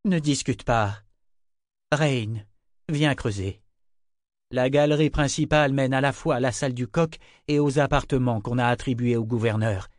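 A man's voice: medium pitch, normal speed, dry recording, clean studio sound, natural voice. A man voicing a firm, practical woman who gives orders.

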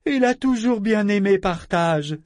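A man's voice: high voice, lively intonation, unhurried, darkish tone, dry recording, pitched above the performer's own voice. A man voicing a living wooden ship figurehead that speaks like a frightened, defiant little boy, in a childlike, pleading yet aggressive way.

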